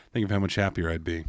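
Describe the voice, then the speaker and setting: A man's voice: low voice, a little hiss or hum. A young man from California co-hosting a podcast in a casual, joking chat, full of likes and easy laughs. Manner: joking, laid-back, lots of likes and laughs. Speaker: podcast co-host.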